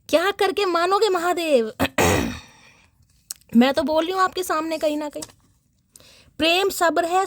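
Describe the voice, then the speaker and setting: A woman's voice: high-pitched, no room sound, clean studio sound. A young woman giving a casual tarot reading to her viewers, playful and teasing, laughing often. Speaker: tarot reader.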